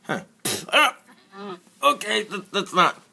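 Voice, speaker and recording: A man with a husky voice play-acts cartoon-style characters in a halting, excitable way, stumbling and repeating words. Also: high voice. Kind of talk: improvised character play-acting for a fan video.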